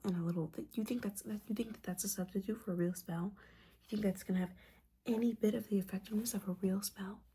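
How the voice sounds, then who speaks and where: In a whispered, soft-spoken ASMR roleplay, a woman with a lowish, husky voice plays a witch mentor who is disappointed and judgmental yet caring. She scolds the listener while dropping sassy, casual asides.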